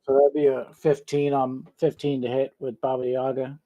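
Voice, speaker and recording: A man running a tabletop game as game master, thinking aloud in an unhurried way with pauses. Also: mid-range voice, level tone, dark tone, no echo.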